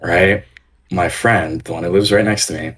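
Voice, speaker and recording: A man with a deep singer's voice tells a casual anecdote in a low-key, hedging way, as a guest on a voice call. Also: steady tone, normal speed, fairly bright tone, breathy edge. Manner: low-key, hedging storyteller with frequent check-ins. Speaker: call-in guest on a live show. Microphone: voice call on Discord.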